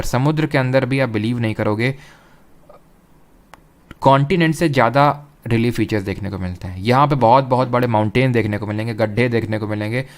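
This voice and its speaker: Young male teacher, mid-pitched voice, patient exam-coaching lecture style. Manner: explanatory, mixes English terms, asks "clear?" often.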